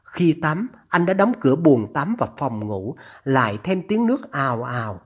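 An audiobook narrator reading a novel in a steady, measured way. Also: medium pitch, breathy edge. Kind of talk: scripted narration.

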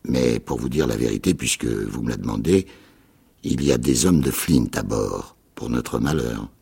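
An actor voicing a cautious young cabin boy in a dramatic radio reading of a novel, giving low, careful replies. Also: moderate pace, vocal fry, warm tone, husky, exaggerated voice. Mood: wary.

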